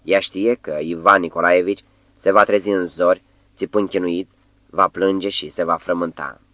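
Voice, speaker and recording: A man narrates a literary audiobook at a calm, measured pace. His voice is very deep. The recording is dry and close, with no room sound. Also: dry recording.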